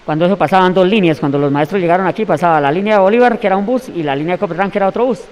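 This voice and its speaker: A man's voice: high-pitched, rapid-fire, a little mellow, big-room sound. A man telling a long story in an interview, rambling and restarting his words. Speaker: interviewee recounting events.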